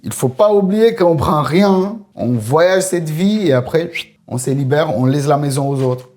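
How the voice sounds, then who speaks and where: A man from Romania, speaking in a casual podcast chat in a halting way, repeating words and using phrasing. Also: fairly high pitch, lively intonation, darkish tone. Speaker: podcast guest.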